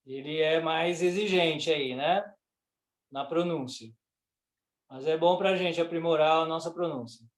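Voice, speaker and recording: A man's voice: on the high side, measured pace. A man with a Brazilian Portuguese accent teaching Sanskrit pronunciation, reciting word by word and chanting the verse. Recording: echoey room.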